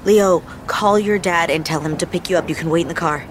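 A middle-aged woman playing a defiant, protective mother on the run in an audio drama, blunt and sharp-tongued. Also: lowish voice, brisk, slight background noise, natural voice. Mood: stern, worried. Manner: blunt, swearing.

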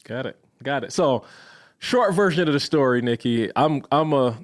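A man's voice: medium pitch, animated, normal speed. A man from Barbados, a podcast guest, telling his story casually and acting out the voices in it.

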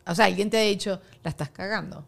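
A woman's voice: medium pitch, fast talker, creaky, fairly bright tone. A woman hosting a casual podcast chat, candid and reflective as she muses aloud. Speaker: podcast host.

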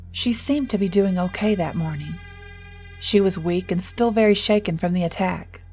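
Husky low-voiced woman narrating horror. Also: a little mellow. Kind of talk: scripted horror story narration.

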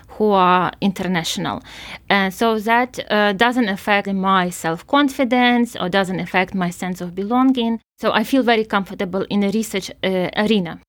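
A woman's voice: medium pitch, dry recording. A woman physics professor talking in a friendly, light, conversational way in an interview. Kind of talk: casual interview talk.

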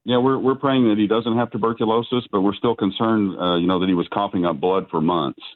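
A middle-aged man with a very low voice speaks haltingly, stopping and restarting his sentences. He comes through a dry, tinny phone line with no room sound. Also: fairly even intonation, no echo. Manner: halting, many restarts and fillers. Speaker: father of a freed prisoner, guest. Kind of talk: remote news interview.

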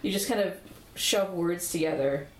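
A woman's voice: lowish voice, normal speed, echoey room, slight background noise, poor audio. Dry, playful woman comedian. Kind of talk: casual podcast chat.

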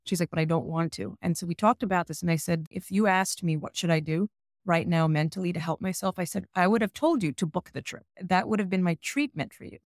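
A woman's voice: on the low side, brisk, no echo. Woman, psychologist guest, earnest explainer, dry close-miked voice. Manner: earnest, explanatory, tells patient stories. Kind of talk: conversational podcast interview.

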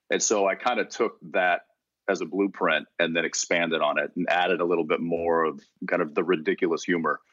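Very deep-voiced man, dry lo-fi sound. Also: no echo. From Texas. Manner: relaxed, rambling with frequent restarts. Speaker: actor being interviewed. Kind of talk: casual interview conversation.

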